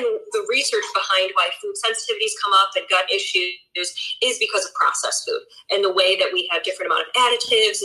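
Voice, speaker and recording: A woman's voice: medium pitch, sharp tone, rough recording. A woman in her twenties, a health coach guest on a podcast, chatting casually and upbeat with frequent fillers. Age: 20s.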